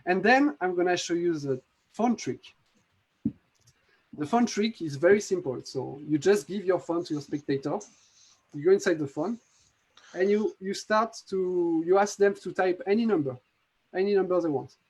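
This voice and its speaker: Halting, higher-pitched man with a French accent. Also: lively intonation, darkish tone, husky. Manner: explanatory, halting with frequent restarts and fillers. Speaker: app developer demonstrating a magic trick. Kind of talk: live video Q&A demonstration. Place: home in a city. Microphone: video call.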